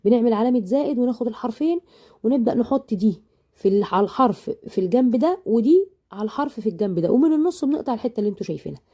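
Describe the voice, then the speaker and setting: A woman with an Egyptian accent, still a little hoarse from illness, chatting affectionately while teaching a baking tutorial. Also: a little high, lively intonation, rapid-fire, dark tone. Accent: Egyptian Arabic. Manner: chatty and affectionate, rambling asides. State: hoarse after sinus illness. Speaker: baking channel host. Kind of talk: casual cooking tutorial.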